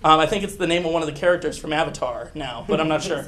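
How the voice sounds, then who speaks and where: High-voiced man rambling through a story. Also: racing, crowd noise. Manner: rambling, self-mocking storytelling. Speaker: improv performer. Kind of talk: comic true-story monologue.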